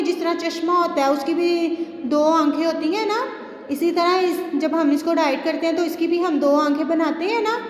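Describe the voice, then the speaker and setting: High-voiced teacher lady, spells letters out real slow for little kids, echoey room. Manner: slow, drawn-out spelling of letters, mixing in English. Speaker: kindergarten teacher. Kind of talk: recorded classroom lesson. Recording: echoey room with long reverb.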